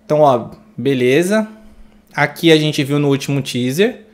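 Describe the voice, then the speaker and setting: A man's voice: on the high side, animated, normal speed. A man with a Brazilian Portuguese accent reacting to a movie trailer, effusive and exclamatory as he gushes over each scene. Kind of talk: excited trailer reaction commentary.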